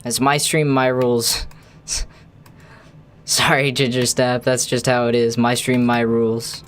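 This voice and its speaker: A gaming streamer chats with his audience while playing, rambling casually and swearing now and then. His mid-range male voice is flat in delivery and a little slow.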